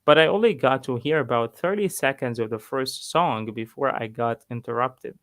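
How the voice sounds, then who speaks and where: A man with an Egyptian accent, an English teacher reading a book aloud and pausing to explain words. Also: medium pitch, a bit bright, no room sound. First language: Arabic. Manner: slow, pausing to explain vocabulary.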